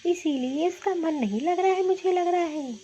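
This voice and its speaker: A woman voicing a gentle, peacemaking older mother-in-law in a cartoon, in a soft, lower voice. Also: normal speed, muffled recording, slight background noise. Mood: soothing. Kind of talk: cartoon voice acting.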